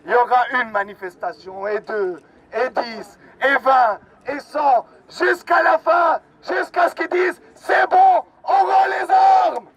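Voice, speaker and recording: A man with a very high voice delivers an indignant, fiery rally speech at an outdoor gathering. He speaks slowly and breaks into shouts, and a crowd can be faintly heard behind him. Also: steady tone, muffled recording.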